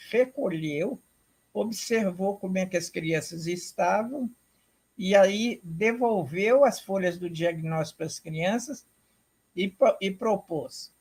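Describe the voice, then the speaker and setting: A woman with a husky, medium-pitched voice gives an academic lecture, explaining at a slow, deliberate pace, restating things and pausing to check on her audience.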